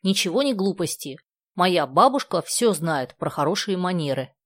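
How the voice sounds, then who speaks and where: A woman's voice: fairly low pitch, lively intonation, normal speed, no echo, studio quality. A woman reading aloud the lines of a sensible, well-mannered teenage girl with a slightly prim manner.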